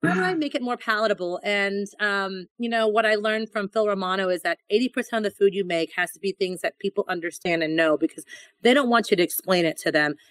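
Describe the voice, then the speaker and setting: A woman's voice: medium pitch, a little fast, smooth, dry recording, poor audio. Chatty woman chef, dry close sound. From born in Thailand to Laotian parents. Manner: chatty, animated storytelling with repeated words. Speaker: chef and restaurant owner. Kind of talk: casual interview conversation.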